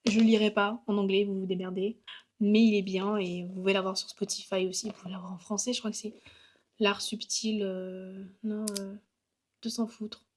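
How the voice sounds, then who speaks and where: A young woman chats to her camera in a relaxed vlog. Her voice sits in an ordinary middle pitch for a woman. She rambles cheerfully, trailing off and restarting with easy, upbeat energy. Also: moderate pace. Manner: chatty and upbeat, many fillers, laughs at herself. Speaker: vlogger and graphic designer. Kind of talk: casual vlog chat.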